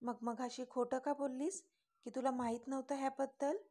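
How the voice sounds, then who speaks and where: A woman's voice: sits high, flat delivery, moderate pace, mellow. Woman reading as a teasing young man in love. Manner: teasing, smirking, pressing questions.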